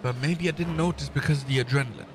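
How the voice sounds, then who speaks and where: A man's voice: mid-range voice, fast talker. A young man playfully rambling and joking while gaming with a friend, yelping when startled. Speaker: co-player. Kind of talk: casual gaming banter. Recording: noisy gameplay recording.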